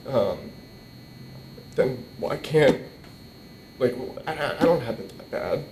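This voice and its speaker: Expressive and emotional, a young adult nephew of the deceased halts and repeats words during an informal memorial eulogy, struggling to keep his composure. He stands at a boom-stand microphone in an indoor hall, with roomy echo and faint rumbling noise in the recording.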